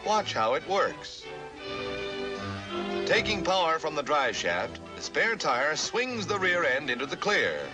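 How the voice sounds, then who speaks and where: A man's voice: on the high side, big pitch swings, unhurried. A man narrating an old newsreel in an upbeat, showy announcer manner. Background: music.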